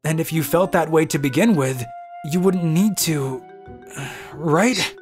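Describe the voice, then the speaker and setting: In a lightly acted first-person manga dub, a man voices a tired, cynical young office worker grumbling through his own story with dry exasperation. His voice is on the high side and unhurried, with faint music behind.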